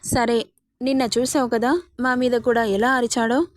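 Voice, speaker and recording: A woman's voice: on the high side, level tone, moderate pace, lightly acted. Woman reading as naive young village bride. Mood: innocent. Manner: innocent, pleading.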